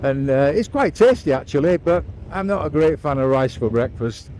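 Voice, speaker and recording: An English man chats through a casual motovlog in a relaxed, mellow voice. He is matter-of-fact, adding little tour-guide asides as he rides outdoors. Faint traffic and engine noise sits behind him. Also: a little high, moderate pace, rough recording. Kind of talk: casual vlog commentary. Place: outdoors, riding a scooter along a beach road.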